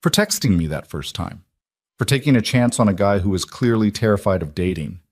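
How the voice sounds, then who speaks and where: A man's voice: lowish voice, expressive, a little fast, no echo. A man voicing a nervous but heartfelt man proposing, speaking tenderly in a storybook reading. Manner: earnest, tender.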